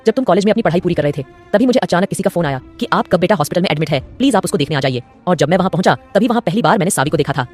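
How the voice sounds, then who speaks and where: A woman's voice: on the low side, lively intonation, racing, few pauses, a little mellow, faint music behind. A woman voicing a scolding old father. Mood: scolding, explaining. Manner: scolding, lecturing. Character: stern older father, scolding then tender.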